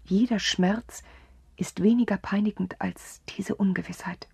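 A woman voicing an anxious, grieving young countess in whispered role-play, with a breathy, pleading whisper. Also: mid-range voice, fairly even intonation, unhurried, a little mellow, dry recording, full character voice.

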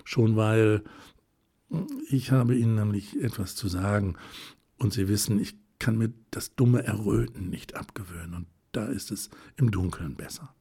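A man voicing a shy, tender young woman who is quick to tears, speaking softly and often in a whisper with a hesitant, wistful manner. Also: fairly low pitch.

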